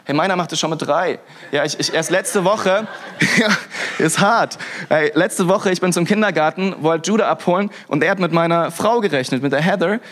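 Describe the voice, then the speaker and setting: A man's voice: on the high side, normal speed. A young man giving a sermon as a pastor, talking casually and energetically, with frequent restarts and interjections. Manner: lively, colloquial, with frequent "hey" and restarts.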